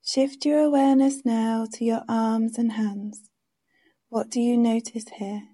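Female meditation guide: soft, very warm and dark timbre, drawn-out calm delivery. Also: fairly high pitch. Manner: gentle, soothing, unhurried instructions.

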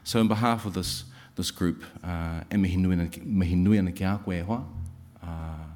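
A man with a New Zealand accent giving an informal speech of thanks, halting and repeating words, with some Māori phrases. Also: low voice, a little mellow. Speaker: speaker giving closing thanks at a writers' festival.

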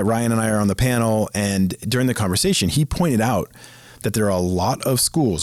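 A man hosting a career advice podcast, talking fast in a casual, chatty way. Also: low-pitched, no echo, clean studio sound. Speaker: podcast host.

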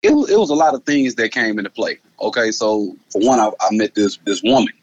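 A man's voice: lowish voice, animated, brisk, darkish tone, no room sound, highs cut off. A man, talking loosely and repeating words in a casual conversation, laughing often. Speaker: guest.

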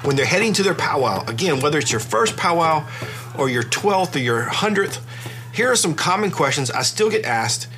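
A middle-aged man hosting a podcast in a relaxed, conversational way, his voice congested and stuffy from a cold. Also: on the high side, normal speed, soft background music. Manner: relaxed, conversational, with fillers and restarts. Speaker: podcast host. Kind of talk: casual podcast talk.

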